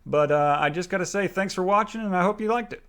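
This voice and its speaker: A man's voice: high-pitched, quick pace, fairly bright tone. A man narrating a casual guided video tour as the guide of his own room.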